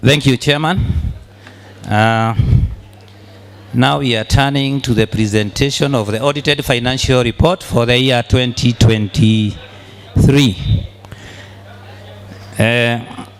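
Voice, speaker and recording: Man formally presenting a financial report, halting delivery. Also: mid-range voice, fairly even intonation. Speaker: club treasurer presenting annual accounts.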